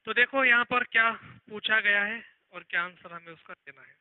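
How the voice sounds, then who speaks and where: A male physics teacher giving an online exam-prep lesson. He reads each question slowly, word by word, then explains it quickly. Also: high voice, clean tone, no echo. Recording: tinny phone-like audio.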